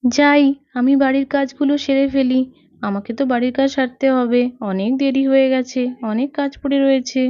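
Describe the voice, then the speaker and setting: Woman voicing a motherly young mom, fussy and chatty, high voice, dull dry sound. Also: fairly even intonation, brisk, dry recording, lightly acted. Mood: caring. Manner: fussing, motherly, talks to herself. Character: young mother, caring and easily frightened.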